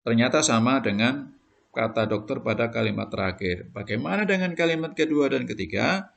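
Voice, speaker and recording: A man teaching young pupils in a recorded lesson, going through each point patiently and step by step. His voice sits at a middle pitch and carries a gravelly, creaky edge. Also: animated, normal speed, a bit bright. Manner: patient, step-by-step explaining to children. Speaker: primary school teacher.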